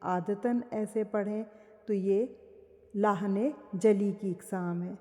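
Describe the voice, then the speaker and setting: A woman teaching the rules of Quran recitation, explaining slowly and carefully and drawing out each example word. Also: medium pitch, steady tone, darkish tone, in a large hall. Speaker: tajweed teacher.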